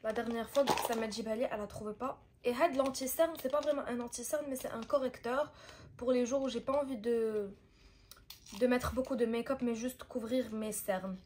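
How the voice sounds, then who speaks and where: A woman's voice: fairly high pitch, steady tone, moderate pace, a little mellow, a little hiss or hum. A young woman chatting casually through a shopping haul vlog and mixing languages as she talks. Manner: chatty, switching between languages mid-sentence. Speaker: vlogger.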